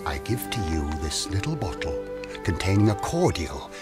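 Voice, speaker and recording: A man's voice: sits low, sing-song, normal speed. A man playing a grave, kindly old Father Christmas in a radio drama, stately and benevolent. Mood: solemn, kindly. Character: solemn, kindly, old male gift-giver, Father Christmas. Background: prominent music.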